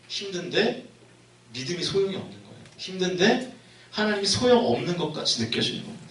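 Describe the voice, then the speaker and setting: In a church sanctuary, a young man preaching as a youth pastor uses a high, fairly bright voice and asks the congregation questions. The recording echoes, with the mic picked up from afar.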